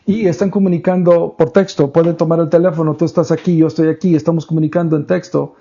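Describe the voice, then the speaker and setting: A man with a gravelly, mellow voice and a slightly raised pitch talks earnestly through parenting advice like a patient teacher. The lo-fi podcast audio sounds a little dull. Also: little pitch movement, fast. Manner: earnest, teaching tone, mixes in English words. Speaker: podcast co-host. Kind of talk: conversational faith-based parenting talk.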